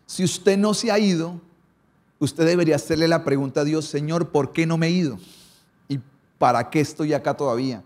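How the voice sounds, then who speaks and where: A man's voice: fairly high pitch, fairly quick, darkish tone. A man, preaching a morning sermon as a pastor, asking rhetorical questions and shifting his pace and emphasis.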